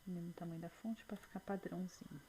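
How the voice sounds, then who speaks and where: A woman teaching a screen-recorded software tutorial in a chatty way, full of diminutives and check-ins with the viewer. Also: on the low side, steady tone, fast, a little hiss or hum, poor audio.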